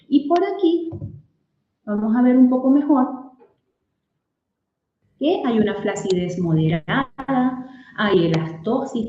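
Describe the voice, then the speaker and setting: A woman's voice: on the high side, roomy sound, muffled recording. A woman doctor from Venezuela gives a clinical lecture to colleagues. She explains things step by step and works through patient cases. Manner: explanatory, addressing colleagues with case examples. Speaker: aesthetic medicine doctor giving a webinar talk.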